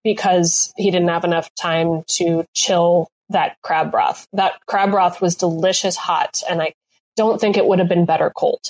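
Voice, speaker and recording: A woman chef recapping a cooking competition in casual chat, often pausing with ums and restarting her sentences. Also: lowish voice, fairly even intonation, a little mellow. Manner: hesitant, lots of ums and restarts.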